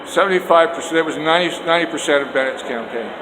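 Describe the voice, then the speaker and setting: An older Canadian man records a rambling political vlog on a phone mounted on a selfie stick, speaking loudly, emphatically and often with indignation. His voice sits on the high side and he talks very fast. He starts outdoors and moves onto indoor stairs and into a hallway, where the audio turns echoey with long reverb and noise.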